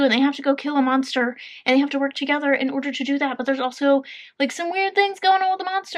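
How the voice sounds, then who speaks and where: A woman book vlogger talking in a chatty, upbeat way, rambling a little as she goes. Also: high voice. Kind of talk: casual chat.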